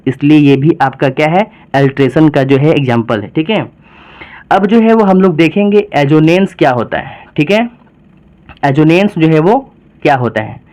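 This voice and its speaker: A man's voice: on the high side, darkish tone, clear, resonant tone, low-quality recording. Man teaching a poem with many fillers. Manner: heavy use of filler phrases, slow emphatic repetition of key terms. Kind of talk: explaining a poem to students.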